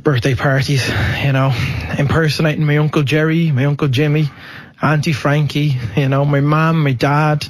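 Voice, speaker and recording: A man's voice: fairly high pitch, little pitch movement, no room sound. A man, an impressionist guest talking eagerly and chattily in a radio studio interview. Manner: eager, chatty, quick to laugh.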